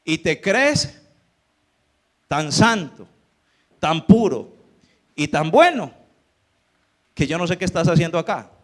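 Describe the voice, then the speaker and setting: A man's voice: fairly high pitch, very animated, slow, long pauses. A man preaching a sermon as pastor, firing rhetorical questions at the congregation. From Colombia.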